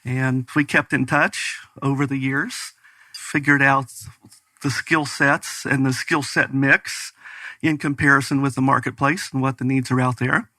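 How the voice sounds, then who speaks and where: Middle aged guy w west virginia appalachian accent, forceful bright voice, dry sound, talking shop as a guest. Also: medium pitch, steady tone, a little slow, dry recording. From West Virginia, United States. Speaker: guest, business strategy consultant. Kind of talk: conversational interview answers.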